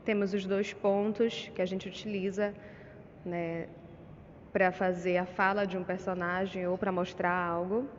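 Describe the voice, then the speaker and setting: A woman's voice: on the low side, level tone, a little slow. A Brazilian Portuguese-speaking woman teacher giving a recorded lesson to her pupils, patient and checking in often with short questions. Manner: patient, with frequent "tá?" and "né?" check-ins. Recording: dull lo-fi audio with long reverb and faint noise.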